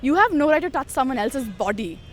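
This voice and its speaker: An outspoken woman gives her views in a street interview. Her voice is high, and her phrasing is casual and peppered with "like". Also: very animated, a little fast. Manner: outspoken, frequent filler "like". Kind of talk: casual opinion-giving. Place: outdoors on a city street.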